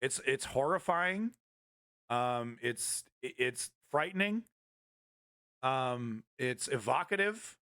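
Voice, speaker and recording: A man's voice: mid-range voice, lively intonation, takes it slowly, bright, forceful tone, no room sound, studio quality. A man hosting a live stream, commenting casually in a rambling way with many restarts and expletives. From United States. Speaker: streamer host.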